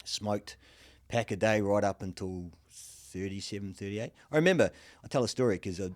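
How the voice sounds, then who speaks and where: This is a man in his forties with a fairly low voice who hosts a podcast and tells stories in an easygoing, chatty way, swearing freely. The sound is dry and close, with no room echo. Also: moderate pace. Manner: relaxed storyteller, swears casually. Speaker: podcast host. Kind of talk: casual chat.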